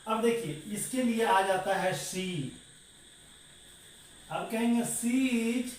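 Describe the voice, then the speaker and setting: A male English teacher gives a grammar lesson in a fairly high voice. He keeps asking the class questions and answering them himself, and he calls his students "dear". He sounds far from the mic in a very echoey room with a faint hiss. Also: takes it slowly.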